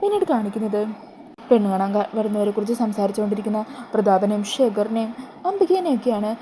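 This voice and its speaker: A woman storyteller briskly and chattily retelling a TV serial episode. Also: medium pitch, sing-song, dark tone, slight background noise, rough recording.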